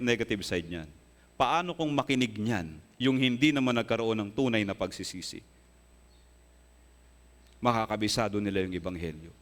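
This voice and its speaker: Man preaching in a reverberant church. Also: fairly bright tone. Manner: earnest preaching, rises to emphatic high bursts; asks the congregation rhetorical questions. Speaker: pastor. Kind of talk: sermon. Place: church hall. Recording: long hall reverb.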